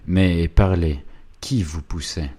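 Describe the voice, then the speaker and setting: Male reader as a proud young nobleman, stern and curt, low dark voice, storybook reading. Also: slow, breathy edge, heavily acted. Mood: demanding.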